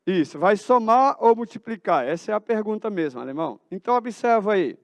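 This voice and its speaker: A Brazilian teacher with a high-pitched, expressive voice runs a math class in a school auditorium at a brisk pace. He puts questions to his students and answers them himself, with no room sound at all.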